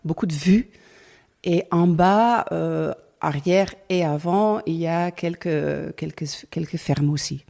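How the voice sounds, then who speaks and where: A woman's voice: low-pitched, measured pace, gravelly, dark tone. A middle-aged Dutch woman speaking French with a Dutch accent as a guest, hesitant and searching for words with many fillers. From Netherlands. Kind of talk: casual interview chat.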